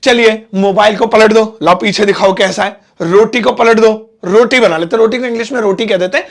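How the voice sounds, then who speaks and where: Indian guy teaching english in hindi, high and a bit gravelly, says each phrase slow word by word. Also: steady tone. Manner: chatty, repeats phrases slowly word by word. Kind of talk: Hindi-medium English lesson.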